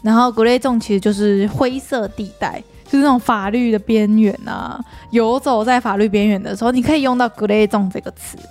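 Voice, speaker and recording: A woman's voice: a little high, steady tone, quick pace, hardly any pauses, darkish tone, soft background music. A woman, co-hosting a casual podcast chat about Japanese words, laughing often and repeating herself while she thinks. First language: Mandarin. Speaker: podcast co-host.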